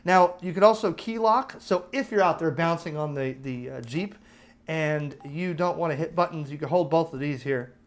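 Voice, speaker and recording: In a relaxed, chatty way, the American host of a radio review channel reviews a product and explains its features one step at a time. He speaks at a normal speed in a voice on the high side.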